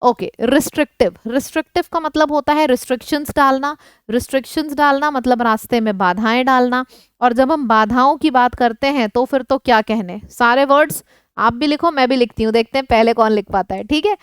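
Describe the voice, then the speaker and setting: Female tutor, Hindi native, bright high smooth voice, patient vocabulary drill with frequent check-ins. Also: a little fast, dry recording. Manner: explains words in mixed Hindi and English, checks in often. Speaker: teacher. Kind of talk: online vocabulary lesson.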